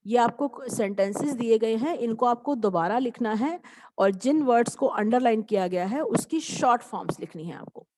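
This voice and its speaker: A woman with an Indian accent teaching an English grammar lesson to children, slowly repeating each word form. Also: a little high, lively intonation, darkish tone, in a large hall, poor audio.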